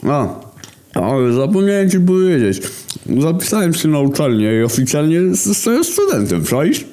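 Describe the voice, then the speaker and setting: Famine, a shrill drunk horseman. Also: huge pitch swings, moderate pace, warm tone. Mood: drunk excited.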